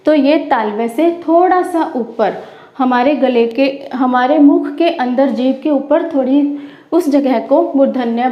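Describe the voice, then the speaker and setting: A woman teaching a grammar lesson to schoolchildren. She asks the class questions, answers them herself, and repeats the key terms. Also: sits high. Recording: roomy, dull lo-fi classroom recording.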